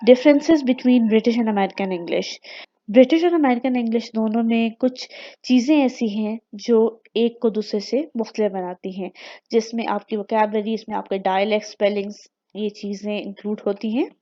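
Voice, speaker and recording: A young adult woman teaching a language lesson, with careful, deliberate enunciation of her example words. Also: on the high side, warm tone. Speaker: English teacher. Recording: dull lo-fi recording.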